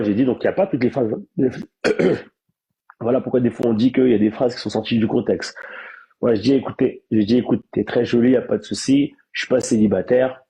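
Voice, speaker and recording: Sounding stuffed up and blocked-nosed, a young reality show participant chats casually on his live stream, emphatically explaining himself over and over through rhetorical questions. His mid-range voice is warm and husky, and the audio is poor.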